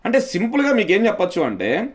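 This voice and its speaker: Lively-pitched man teaching. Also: quick pace. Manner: repeats key terms and quizzes students with questions; mixes English words into speech. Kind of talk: exam-prep lecture.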